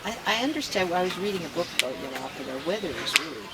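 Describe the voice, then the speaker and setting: Older woman interviewer, lively low voice. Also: quick pace. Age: 60s. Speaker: oral history interviewer. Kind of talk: conversational interview. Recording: noisy recording with ambient sound.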